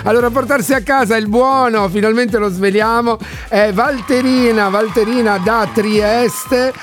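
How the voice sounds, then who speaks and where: A man's voice: very high voice, fairly even intonation, a little slow, faint music behind. A man presenting live radio as a chatty, playful Italian quiz host.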